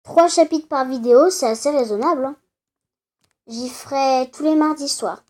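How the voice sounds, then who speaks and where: A woman playing through a dating game and talking casually to her viewers. Her voice is high-pitched and soft, mellow in tone. She makes chatty, teasing asides between the on-screen lines. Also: normal speed. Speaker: let's play gamer.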